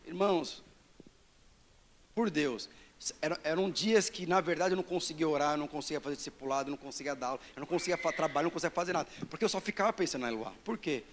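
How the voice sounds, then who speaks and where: A man's voice: fairly high pitch, quick pace, a little hiss or hum. A man with a Brazilian Portuguese accent preaching a fervent, confessional sermon as pastor. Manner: fervent, confessional, grows louder toward scripture reading.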